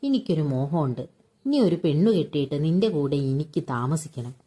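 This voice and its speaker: A woman reading aloud and voicing a bossy, secretive elderly mother who talks in an urgent hush. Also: low-pitched, lively intonation, moderate pace, husky. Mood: hushed, insistent. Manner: hushed, urgent pleading.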